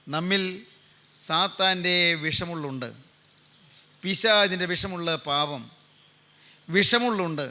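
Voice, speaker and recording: A man's voice: high voice, sharp tone. An older man preaching a sermon with a Malayali accent, telling a story fervently and repeating phrases in a pleading way.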